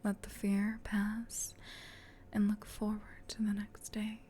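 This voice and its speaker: A gentle, caring female sleep paralysis demon, acted by a woman whispers softly in a comforting ASMR roleplay. Her delivery is slow and even, breathy and tender, close to the mic. A faint low rumble sits behind her. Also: natural voice. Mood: calm, reassuring. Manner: tender, reassuring, unhurried.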